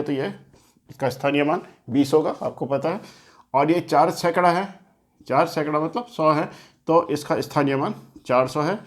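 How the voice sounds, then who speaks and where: A man teaching children maths, explaining patiently step by step and often repeating himself while writing on a board. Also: on the high side. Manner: repeats and rephrases key points. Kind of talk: classroom lesson for children. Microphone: talking while writing on a board.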